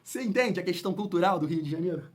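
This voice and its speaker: A man's voice: sits high, lively intonation, rapid-fire. A man hosting casual football commentary, opinionated and heated, speaking straight to his viewers. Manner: opinionated, heated, colloquial, addresses fans as family. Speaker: football channel host.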